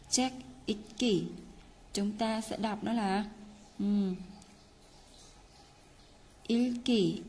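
A woman teaching Korean in a casual lesson, patiently repeating words slowly for learners. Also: medium pitch, mellow. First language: Vietnamese.

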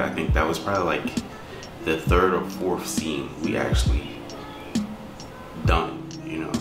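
A man telling the behind-the-scenes story of his film in casual, reflective talk, loose with fillers. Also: a bass voice. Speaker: filmmaker describing his film. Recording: roomy sound under loud music.

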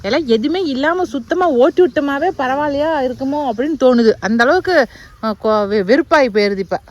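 Young woman vlogger, slightly high voice, chatty, speaks to viewers while walking a farm outdoors. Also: brisk, lo-fi sound. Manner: chatty, addresses viewers directly. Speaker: village vlogger. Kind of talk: casual farm vlog narration.

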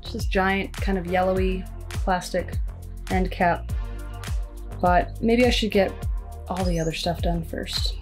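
A woman's voice: lowish voice, steady tone, measured pace, pauses often, soft background music. A woman in her thirties giving a casual, matter-of-fact renovation update inside a small travel trailer, talking close to a handheld camera. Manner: chatty and matter-of-fact, shrugging things off. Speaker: renovation vlogger. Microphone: handheld camera close to face.

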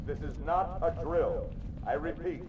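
Male station PA announcer, loudspeaker alerts, clipped military orders, echoey and distant. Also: on the high side, measured pace, highs cut off, very noisy. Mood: urgent. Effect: station alert over a loudspeaker PA. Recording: echoey, distant PA voice over game music.

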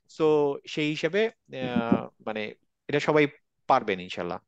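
A man teaching a class, patiently modeling each sound slowly for students to repeat. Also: on the high side, no echo, highs cut off. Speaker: Quran reading teacher. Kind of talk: online class lesson.

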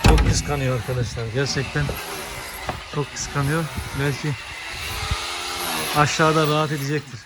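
A man vlogging outdoors on a farm. He chats casually to viewers and shouts sharp calls and scoldings to his dogs. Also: fairly high pitch, fairly even intonation, moderate pace, pauses often, very noisy. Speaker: vlogger and dog owner.

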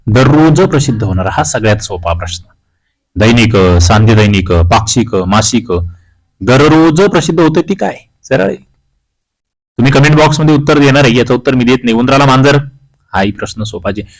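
A man's voice: mid-range voice, animated, moderate pace, rough recording. Man running a quiz lesson, reads every option before the answer, plain middle voice. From Maharashtra, India. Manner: reads options aloud, then explains the answer. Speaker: exam-prep teacher.

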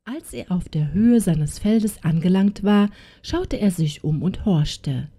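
A woman narrating a fairy tale audiobook in a slow, expressive way. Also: lowish voice, husky.

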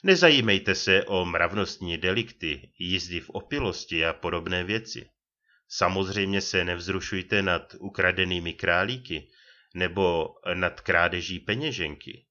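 A man voicing a gruff, blunt retired old private detective who growls his words in colloquial speech. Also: deep voice, bright, forceful tone, lo-fi sound. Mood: scheming. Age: older.

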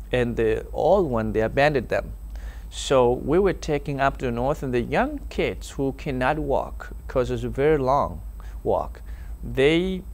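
In a TV studio, a young South Sudanese man whose first language is Dinka gives earnest personal testimony as an interview guest. His medium-pitched speech halts often, filled with "uh" and "um", and a lapel mic captures clean sound.

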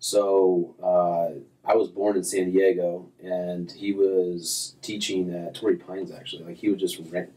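A man's voice: low-pitched, a little slow, few pauses, recorded from a distance, rough recording. A man in his thirties, a golf instructor as guest, talking casually with lots of fillers and restarts in a small office. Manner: relaxed, rambling, many fillers and restarts. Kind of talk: casual interview chat. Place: small office with framed diplomas.

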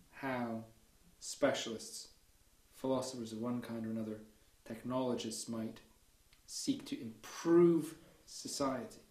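A man delivering a university history lecture in a measured, deliberate way, often checking in with "okay" and starting points with "so". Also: mid-range voice. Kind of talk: academic lecture. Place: lecture room. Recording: echoey lecture room.

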